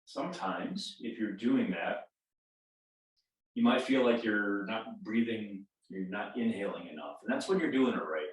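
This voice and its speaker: Fifties male yoga coach, lowish voice, joking at himself, echoey room, a bit off-mic. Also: a little slow, far from the mic. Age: 50s. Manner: self-deprecating, chuckles at own jokes. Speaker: yoga instructor. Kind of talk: guided yoga class instruction. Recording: roomy echo, voice from off-mic.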